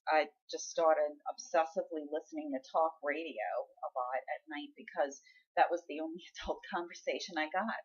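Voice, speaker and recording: A woman's voice: fairly low pitch, fairly bright tone, highs cut off. A woman vlogger telling a personal story in a frank, candid and exasperated way. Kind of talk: casual personal storytelling to camera.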